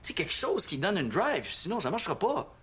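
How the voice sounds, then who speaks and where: A man's voice: sits high, very animated, a little fast, fairly bright tone. An actor with a Québécois French accent playing an eager, persuasive father in a family sitcom, talking colloquially and insistently. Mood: excited, persuasive. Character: eager, persuasive father of a schoolboy, middle-aged. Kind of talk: naturalistic sitcom dialogue.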